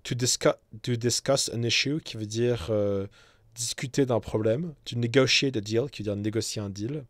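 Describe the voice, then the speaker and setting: A man explains words in an easygoing lesson, halting now and then to find the phrasing. His voice sits at an ordinary middle pitch. The sound is close and dry, with no room around it. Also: no room sound. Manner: unscripted, hesitant, with fillers and restarts. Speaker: English teacher. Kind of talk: casual vocabulary lesson.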